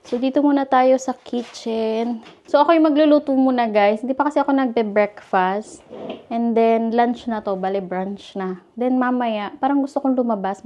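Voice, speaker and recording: A woman's voice: a little high, highs cut off. A Filipino woman with a Filipino accent chatting casually to her viewers while cooking in her home kitchen, often calling them guys. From Philippines. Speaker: vlogger. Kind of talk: casual chat to camera.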